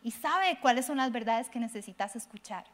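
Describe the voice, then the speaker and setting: A middle-aged woman pastor, preaching in an animated, conversational way, acting out quoted voices and addressing listeners directly. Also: on the high side, fairly quick. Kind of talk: conversational sermon.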